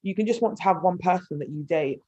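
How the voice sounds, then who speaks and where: A woman's voice: on the low side, quick pace, muffled recording. Blunt, swearing young London woman. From North London. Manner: blunt, heavy swearing, animated. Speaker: podcast co-host. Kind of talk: casual chat.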